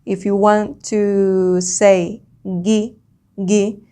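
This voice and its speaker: Her medium-pitched voice stays steady and darkish as she leads a slow, dictation-like language lesson. She is a native Spanish speaker with a Spanish accent and purposely repeats sounds and words for the student.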